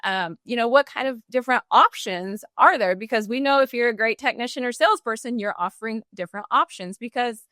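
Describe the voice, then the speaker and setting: A woman's voice: a little high, pushed and bright, no echo, clean studio sound. A woman guest on a podcast, answering with enthusiasm in a coaching tone. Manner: enthusiastic, coaching tone with quick acted examples. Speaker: podcast guest, customer service trainer. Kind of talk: energetic interview answers.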